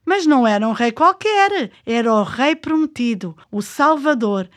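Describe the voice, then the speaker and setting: A woman with a high voice and a European Portuguese accent co-hosts a children's programme, telling scripted stories in a conversational way. She sounds inquisitive and expressive, speaking at normal speed.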